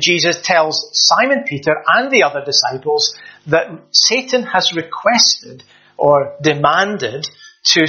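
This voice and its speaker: Fairly high, bright preacher. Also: male voice, lo-fi sound. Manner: conversational, with hesitant fillers and emphatic rising stresses. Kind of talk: sermon.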